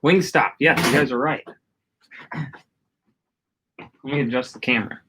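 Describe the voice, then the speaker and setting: A man talks loosely on a home livestream, reading out viewers' names and chatting about his day. His voice sits in an ordinary middle pitch, and his speech wanders with easy restarts. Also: measured pace, a bit bright, slight background noise. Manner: rambling, greets chat viewers by name. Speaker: livestream co-host. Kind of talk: casual livestream chat.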